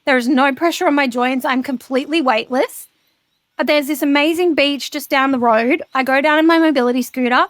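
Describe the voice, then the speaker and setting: A woman in her thirties, a podcast guest, chatting casually and telling animated stories with plenty of swearing. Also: high voice, a little fast, no room sound. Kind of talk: casual chat.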